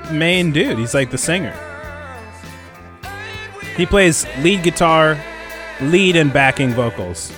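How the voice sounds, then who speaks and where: A man's voice: on the high side, lively intonation, slow pace, pauses often, music in the background. A man chatting casually about records in a gushing frat-bro way, peppering his talk with "dude" and "like".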